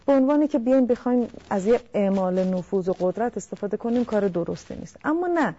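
Mellow-voiced woman counselor, lo-fi broadcast. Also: mid-range voice. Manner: calm, explanatory, addresses listeners directly. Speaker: family counselor guest. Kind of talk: talk-show advice.

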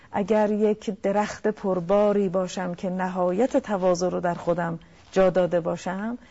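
A woman counselor talks through family communication in a calm, explanatory way, turning now and then to speak straight to the listeners. Her voice is mellow and warm, and the broadcast sound is dull and lo-fi. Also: medium pitch. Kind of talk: talk-show advice.

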